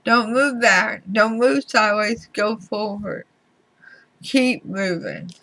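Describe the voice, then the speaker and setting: A woman giving a tarot reading to viewers in deliberate short phrases, her speech slightly slurred as if from a swollen mouth. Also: mid-range voice, creaky, fairly bright tone, rough recording. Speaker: tarot reader.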